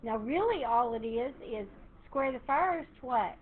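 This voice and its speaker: A woman math teacher, lecturing her class in a lively, encouraging way and quizzing students. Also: a little high, unhurried. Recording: tinny phone-like classroom recording, faint hiss.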